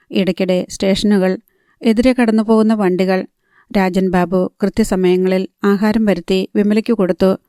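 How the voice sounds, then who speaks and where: A woman narrating a novel in a measured, steady reading. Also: medium pitch, no echo, clean studio sound. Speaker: audiobook narrator. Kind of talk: scripted narration.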